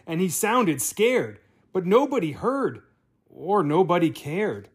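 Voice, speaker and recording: A reader reading a children's picture book aloud with gentle, expressive storytelling. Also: mid-range voice, slow, slightly rough.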